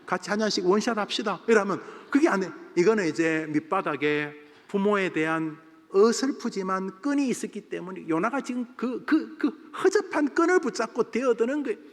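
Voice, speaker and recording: A man who is a senior pastor, preaching a sermon in a church, dramatic and ready to break into loud acted-out shouts. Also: high voice, lively intonation, normal speed. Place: church sanctuary. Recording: long reverb of a church hall.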